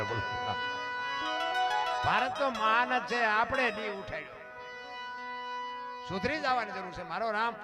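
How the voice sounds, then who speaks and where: A man with a Kathiawadi Gujarati accent giving an emphatic dayro moral talk to a seated audience. He moves from soft asides to loud, preachy declamation and keeps calling his listeners "bapu.". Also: high-pitched. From Gujarat, India. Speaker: folk dayro speaker. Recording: live talk over clear instrumental music. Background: instrumental music playing under the talk.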